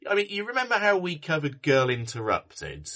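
A man's voice: a little high, wildly swooping pitch, normal speed, bright, forceful tone. A man co-hosting a casual film podcast, rambling with fillers and restarts. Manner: rambling, many ums and restarts. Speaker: podcast co-host.

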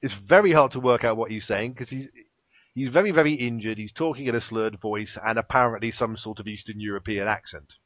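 A man chatting through a story recap in a relaxed, rambling way, with fillers and small laughs along the way. His voice sits at an ordinary pitch. The recording is dry and a little dull, like a home podcast mic. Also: fairly quick, no room sound. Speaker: podcast co-host recapping an episode. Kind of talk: casual chat, episode recap.

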